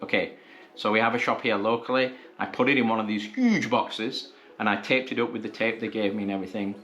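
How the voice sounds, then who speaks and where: A man's voice: fairly low pitch, fairly even intonation, brisk, a bit bright, dull audio. A man vlogging, telling a frustrating story in a casual, exasperated way and acting out both sides of his phone calls.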